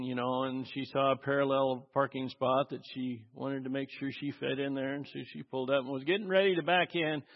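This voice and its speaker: Conversational male pastor in a reverberant hall. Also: medium pitch. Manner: conversational, asks the congregation questions, uses many fillers. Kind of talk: sermon. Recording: dull audio with long hall reverb.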